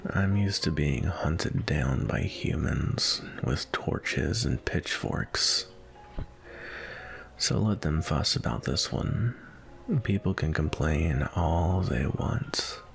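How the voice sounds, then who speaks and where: Sebastian, a deep, gravelly vampire acted by a man. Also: animated, faint music behind, full character voice. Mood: calm, reassuring. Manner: polite, unhurried, flirtatious. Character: suave, courteous, centuries-old male vampire on a date. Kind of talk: ASMR roleplay, intimate and softly spoken.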